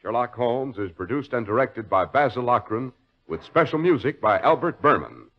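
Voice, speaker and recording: A man's voice: medium pitch, expressive, normal speed. A male announcer reading formal scripted radio credits and sponsor copy. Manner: smooth, formal. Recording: dull old radio recording with loud music.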